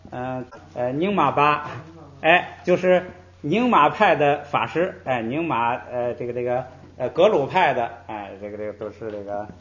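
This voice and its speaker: A man's voice: a little high, a bit bright. A male language teacher giving a patient lecture, stretching out example syllables and dropping in little interjections between points. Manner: explains patiently, drawing out example syllables and often saying "hey" between points. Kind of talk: classroom-style lecture. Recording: slightly muffled recording.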